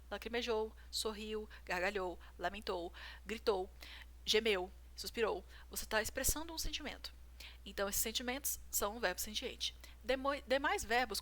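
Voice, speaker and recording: This woman, a writing teacher, has a sharp tone and a fairly high pitch. She goes over grammar rules for a viewer using examples, regularly checking understanding with "certo?" ("right?").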